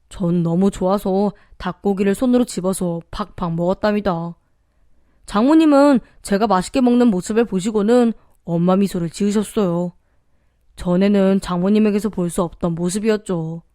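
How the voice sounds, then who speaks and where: A woman reads a first-person story aloud with careful, precise pronunciation and emotive phrasing. Her voice sits at a middle pitch. The recording is dry and close-miked. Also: normal speed, warm tone, no echo. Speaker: story reader. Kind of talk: storytelling radio narration.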